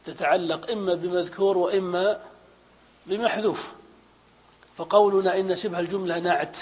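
A man's voice: sits high, steady tone, moderate pace. A man teaching Arabic grammar in a methodical lecture, asking and answering his own questions and repeating key terms. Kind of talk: classroom lecture on morphology and syntax. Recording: phone-like audio with long hall reverb.

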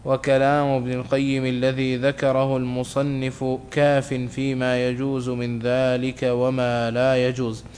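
A man reads a classical religious text aloud to his teacher, word by word and with care. His voice stays level on one note, with almost no rise or fall. A faint noise runs behind him. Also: mid-range voice. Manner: flat, measured recitation. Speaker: student reading a text aloud.

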